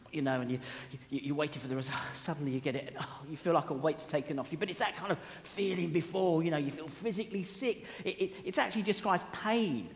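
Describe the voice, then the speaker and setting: An older woman with a British accent gives a sermon from the front of a church. Her pitch swings up and down a great deal as she tells stories with a joking, easygoing warmth. The sound carries a long echo from the large hall around her. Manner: chatty, humorous, anecdotal. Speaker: preacher.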